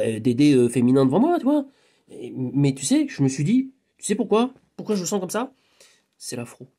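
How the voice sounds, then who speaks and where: A man's voice: fairly high pitch, warm tone. A man, a hypnotherapist, rambling in a casual monologue, talking to an unseen friend and swinging from muttering to exclaiming.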